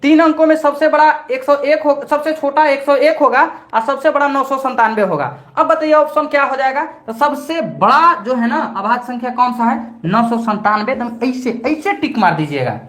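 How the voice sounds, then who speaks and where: Speaking in an extremely high, fairly bright voice at a moderate pace with hardly any pauses, a middle-aged man with a Bhojpuri-tinged Hindi accent runs a live online maths exam-prep class. He's chatty, repeats every point, and alternates between teaching and scolding his students.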